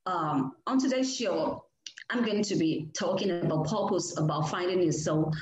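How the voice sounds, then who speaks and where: A woman's voice: lowish voice, moderate pace. Woman host, casual interview, gushing and effusive, roomy echo, faint hiss. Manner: warm, effusive, with fillers. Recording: echoey room, faint noise.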